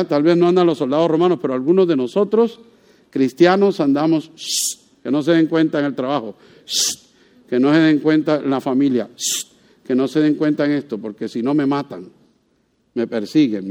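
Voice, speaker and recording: A man's voice: fairly high pitch, brisk, warm tone. A man preaching a sermon, conversational, asking the congregation rhetorical questions and joking lightly. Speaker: pastor.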